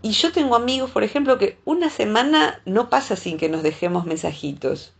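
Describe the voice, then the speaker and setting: A woman with a Rioplatense Spanish accent, a psychologist explaining relationships in a thoughtful way, pausing often to gather her thoughts. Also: on the high side, animated, vocal fry, husky. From Argentina. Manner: thoughtful, explaining with frequent hesitations.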